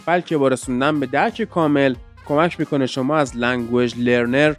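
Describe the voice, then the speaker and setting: A man's voice: medium pitch, fairly even intonation, music in the background. A man hosting a podcast, teaching English pronunciation in a conversational, explanatory way with lots of examples.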